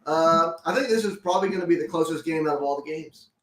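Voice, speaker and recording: Man co-hosting sports picks, high voice, earnest, sits back from the mic. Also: quick pace, a bit bright, reverberant, far from the mic, low-quality recording. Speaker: co-host. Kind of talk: casual sports chat.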